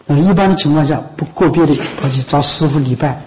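Casting note: male monk, fairly high-pitched, chatty dharma talk to lay followers, keeps checking that they follow along. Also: fast talker, background noise. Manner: conversational, often asks "知道吗？" and "是不是？"; coughs now and then, a few restarts. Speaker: Buddhist monk teacher.

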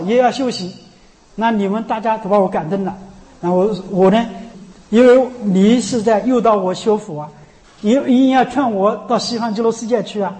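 High-voiced monk preaching in a hall. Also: male voice, darkish tone. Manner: often asks rhetorical questions; chants Buddha's name as he teaches. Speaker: Buddhist monk teacher. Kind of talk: sermon. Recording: long hall reverb.

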